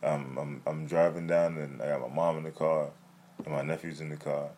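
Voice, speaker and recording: A man's voice: extremely low pitch, level tone, fairly quick, a little mellow, a little hiss or hum. A young man in casual chat, slangy and profane, teasing his friend.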